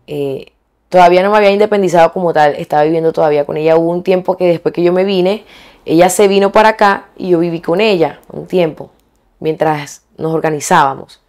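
A young woman from Colombia, a singer being interviewed, talking frankly and colloquially, pausing and restarting as she thinks. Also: fairly low pitch, a little mellow. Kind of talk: candid interview conversation.

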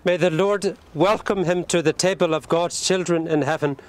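A man leading a burial service outdoors at a cemetery, reciting the prayers in a solemn, measured way. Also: fairly high pitch, steady tone. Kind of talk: liturgical graveside prayer.

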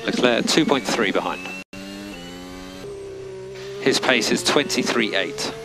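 This man's medium-pitched voice is expressive and creaky, and his pace is slow. He works as a race engineer, and his clipped team radio messages cover instructions and timing readouts. The racing radio is noisy, with vehicles audible.

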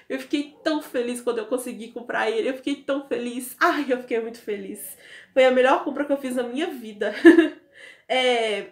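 Chatty young woman in echoey room. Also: a little high. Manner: chatty, laughs often, many fillers. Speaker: book vlogger. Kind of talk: casual app walkthrough. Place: home room with bookshelves.

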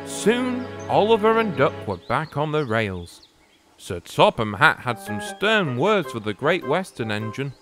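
A man narrating a storybook tale about engines in a gentle, unhurried way. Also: fairly high pitch, sing-song, over music.

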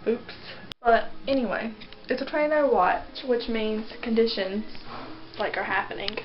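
Young woman, home vlogger, chatty, a little high, muffled noisy camera audio. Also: a little slow. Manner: chatty, talks baby-talk to her dog. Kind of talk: casual daily vlog. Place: at home, indoors.

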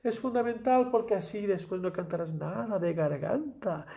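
A man's voice: high-pitched, moderate pace, creaky, dark tone. A man teaching a singing lesson in Spanish, talking through exercises with encouragement and singing short scale demonstrations on "la". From Spain. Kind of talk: vocal lesson with sung exercises.

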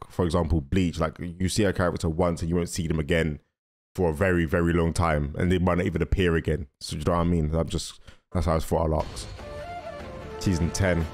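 He has a deep, darkish voice with fairly even intonation and a brisk pace. A young adult reaction host, he muses aloud in slangy commentary at a desk in a small room, speaking into a close arm-mounted mic with headphones on while music from the cartoon intros he's watching plays.

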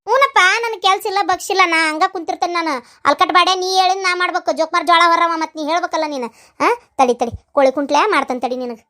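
A woman's voice: extremely high pitch, rapid-fire, bright, forceful tone. A woman voicing a self-pitying old village woman in a cartoon, scolding and complaining with a North Karnataka accent. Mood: grumbling. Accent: North Karnataka Kannada.

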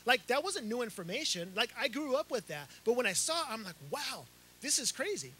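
A middle-aged man who grew up in Chile, a pastor preaching a sermon into a handheld microphone outdoors under a canopy, animated, with frequent repeats and restarts. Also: very high voice, brisk, a little hiss or hum.

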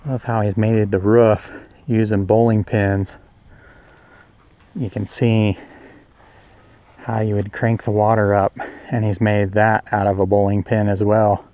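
A man's voice: lowish voice, little pitch movement, measured pace, pauses often, no room sound, highs cut off. A man with an Oklahoma accent casually narrating a walking tour of a rural yard, recorded outdoors on a handheld camera. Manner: easygoing, chatty, narrates as he walks. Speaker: vlogger touring a roadside attraction.

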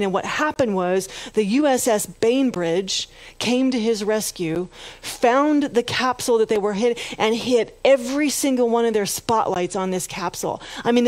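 A woman's voice: on the high side, darkish tone, no echo. A woman pastor preaching a sermon, retelling a story and building to fervent emphasis. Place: church.

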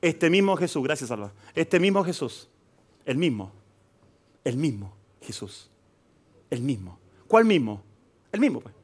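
A male pastor with a Chilean accent delivers a live sermon in a church. His voice sits a little high for a man. He drops to quiet asides and then rises to loud, emphatic preaching. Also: sing-song, normal speed. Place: church hall.

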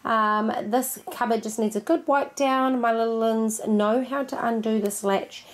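A woman's voice: fairly high pitch, fairly even intonation, a little slow. A woman, narrating her housework in a casual voice-over with many ums and asides to viewers. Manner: chatty, lots of ums, friendly asides to viewers. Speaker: cleaning vlogger.

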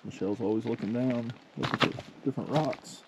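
Out among the forest boulders, this man talks a little fast at a medium pitch, and heavy background noise runs under him. He's a hiking vlogger describing his hike in a relaxed, easygoing manner, frequently breaking into chuckles.

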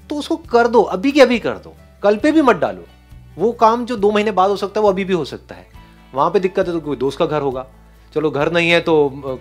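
A man giving an animated, encouraging motivational talk to an audience, often laughing. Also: high-pitched. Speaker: speaker on stage.

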